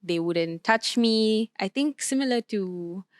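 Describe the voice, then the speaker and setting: A young woman from Malaysia, speaking casually as a panel guest and often filling pauses with "like". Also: medium pitch, animated, no echo, studio quality. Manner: chatty, frequent filler "like", restarts.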